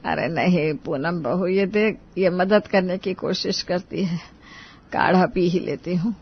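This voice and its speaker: A woman voicing a stern older mother-in-law in a cartoon who is quick to scold. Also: husky, lo-fi sound. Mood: gentle. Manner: scolding, shrill when angry. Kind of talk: cartoon voice acting.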